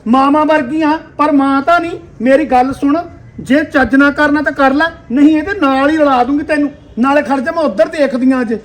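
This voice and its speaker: A man's voice: very high-pitched, steady tone, a little fast. A man with a Punjabi accent playing a bossy, scolding old mother-in-law in a village comedy skit. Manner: scolding, sharp-tongued, cursing. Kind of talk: rural comedy skit acting.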